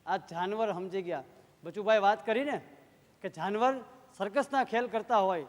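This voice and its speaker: High-voiced Gujarati comedian on stage. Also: male voice, moderate pace, long reverb tail. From Gujarat, India. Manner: playful storytelling, acting out dialogue with shifting tones. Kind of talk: live Gujarati folk comedy storytelling. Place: live stage show. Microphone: stage microphone.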